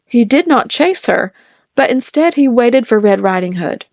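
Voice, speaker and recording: A woman reading a fairy tale aloud in a gentle, measured storytelling manner. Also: fairly high pitch, animated, no room sound, studio quality. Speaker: storybook reader.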